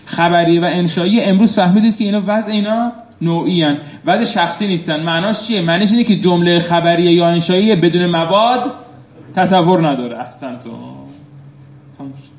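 A male teacher reading phrases from a classical text aloud and explaining them, often putting questions to his students. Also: high voice. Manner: reads Arabic phrases then explains, asks students questions. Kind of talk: seminary lecture on Arabic text. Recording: echoey dull room recording.

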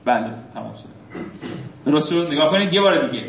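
A man's voice: on the high side, lively intonation, gravelly, a little hiss or hum. A male teacher reading phrases from a classical text aloud and explaining them, often putting questions to his students. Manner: reads Arabic phrases then explains, asks students questions. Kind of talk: seminary lecture on Arabic text. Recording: echoey dull room recording.

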